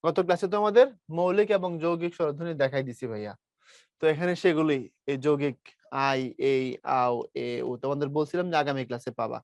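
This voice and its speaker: A man's voice: fairly high pitch, fast, no echo. A male Bangladeshi teacher explaining patiently. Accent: Bangladeshi Bengali, Brahmanbaria region. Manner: explains step by step, calls students brother, models sounds aloud. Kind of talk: online class lecture.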